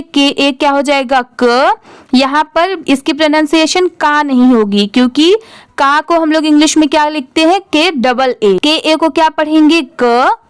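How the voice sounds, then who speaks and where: A woman's voice: high-pitched, no room sound, studio quality. A woman teaching English reading, who spells each word out letter by letter, asks the class how it is read and then answers herself. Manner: spells words letter by letter, then blends them. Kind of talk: slow spelling-out reading lesson.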